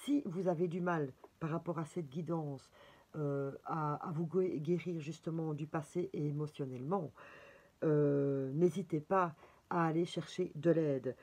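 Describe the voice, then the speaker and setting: Belgian French woman, low voice, warm husky tone, chatty card reading, thinks aloud. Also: steady tone, unhurried. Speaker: tarot and oracle card reader. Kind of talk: casual card reading for viewers.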